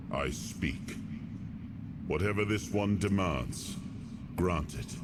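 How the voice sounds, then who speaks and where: An actor playing a weary, proud king of legend who speaks in a grave, regal, deliberate manner in a game cutscene. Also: low-pitched, background noise. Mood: commanding. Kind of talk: dramatic game cutscene monologue.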